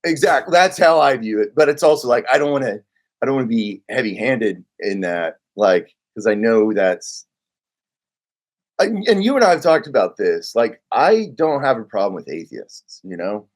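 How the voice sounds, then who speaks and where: This middle-aged man from Oklahoma, in the United States, is a guest writer chatting casually. His medium-pitched voice has a sing-song lilt at a moderate pace, and he rambles, corrects himself as he goes, and leans heavily on the filler "like."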